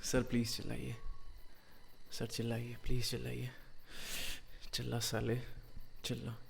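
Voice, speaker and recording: A man playing a slow, menacing loyal bodyguard. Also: mid-range voice, monotone, gravelly, slight background noise. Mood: taunting. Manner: cold and taunting toward the captive, soft and reassuring with her. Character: loyal, ruthless male bodyguard, tender with his client. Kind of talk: audio role-play drama.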